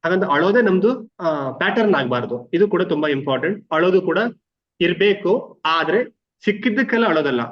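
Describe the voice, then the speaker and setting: A man's voice: high-pitched, expressive, normal speed. A middle-aged man with a Kannada accent, a wellness coach talking to a group, repeating himself and restarting words. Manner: repetitive, restarts words, mixes English terms. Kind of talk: live group coaching talk. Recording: dull lo-fi audio.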